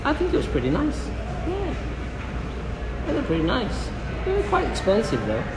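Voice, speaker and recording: A man's voice: extremely high pitch, huge pitch swings, normal speed. A man working as a hairdressing educator, casually chatting and joking as he demonstrates, often repeating his phrases. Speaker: hairdressing educator and salon boss. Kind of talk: casual demonstration and chat while cutting hair. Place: indoor busy hair salon. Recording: echoey room with clear background noise.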